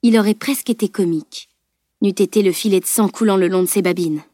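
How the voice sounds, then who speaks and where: In clean studio audio without any room sound, a woman with a mid-range voice narrates an audiobook. She tells the story in a steady, measured way.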